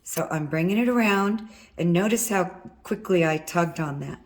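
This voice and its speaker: Low, hoarse woman teaching a craft. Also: normal speed. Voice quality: husky from vocal cord nodules. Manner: chatty, talks while working with her hands. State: hoarse, worn-out voice. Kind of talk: step-by-step craft tutorial.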